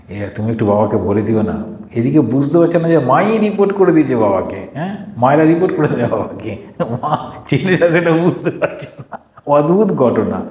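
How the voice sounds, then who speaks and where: A monk with a fairly low, darkish voice gives a devotional discourse before a live audience in a gathering hall. He reads formal passages aloud, then explains them plainly, posing questions and answering them himself. The hall is echoey with faint background noise.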